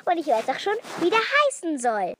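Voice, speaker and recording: A woman's voice: very high-pitched, very animated, normal speed, fairly bright tone, slight background noise, pitched above the performer's own voice, exaggerated voice. A woman doing a playful big brother. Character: joking older brother of a young girl.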